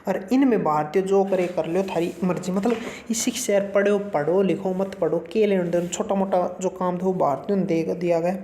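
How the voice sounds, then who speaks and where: A man runs a casual exam-prep lesson, chatting folksily and slipping English terms into his explanations. His voice is mellow and warm. The recording has a roomy echo. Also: high voice, moderate pace, hardly any pauses, a little hiss or hum. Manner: folksy, chatty, calls the viewer brother; mixes Hindi with English terms.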